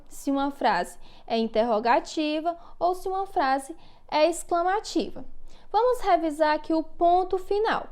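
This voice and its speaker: A woman from Brazil, a primary school teacher giving a video lesson to young children, speaking slowly and clearly and encouraging the class with questions. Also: high-pitched.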